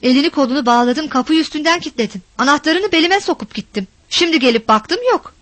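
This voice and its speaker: A woman voicing a rough, quick-tempered village husband who curses and defends himself, read aloud from a storybook. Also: high voice, lively intonation, a bit bright, no echo. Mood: urgent. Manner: gruff, cursing, defensive. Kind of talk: storybook reading.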